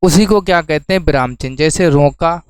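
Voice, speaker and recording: A man's voice: a little high, a little fast, smooth, no room sound, poor audio. A man teaching an exam-prep lesson to students, often asking a question and then answering it himself. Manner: explains then repeats key terms as questions to students.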